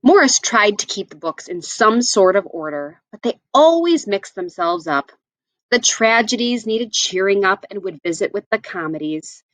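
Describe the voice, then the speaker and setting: Reading a children's story aloud, a woman gives an expressive performance, her pitch animated and free-moving while she shapes every phrase with care. She phrases things deliberately and adds asides to her listeners. There is no room echo; the audio is dry.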